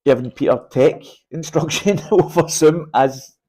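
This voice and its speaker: A Scottish man hosting a casual podcast chat, speaking haltingly and often repeating words as he goes. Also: a little high, dark tone. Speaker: podcast host, show promoter.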